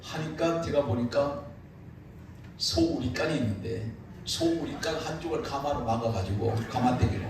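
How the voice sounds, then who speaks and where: A man's voice: medium pitch, moderate pace, gravelly. A man preaching at a revival meeting, telling funny stories and laughing as he goes. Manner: animated, laughing through his anecdotes. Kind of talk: humorous revival sermon storytelling. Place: church sanctuary. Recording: echoey church hall, distant mic, room noise.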